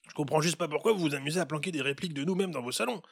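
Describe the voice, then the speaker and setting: A man's voice: a little high, rapid-fire, gravelly, breathy edge, no echo, clean studio sound. A man voicing a clumsy, panicky prankster elf in a storybook tale, talking in frantic exclamations. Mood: puzzled.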